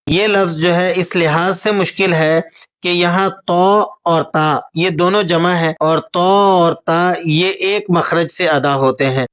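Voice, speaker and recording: A man teaching a tajweed lesson, patiently explaining rules and reciting examples slowly. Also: fairly high pitch, a bit bright.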